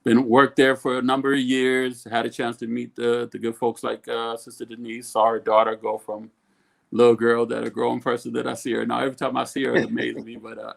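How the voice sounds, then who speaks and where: A man's voice: mid-range voice, monotone, brisk, gravelly. A middle-aged man from Ethiopia, a guest on an interview, talking casually and rambling with many restarts. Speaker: guest, food company co-owner.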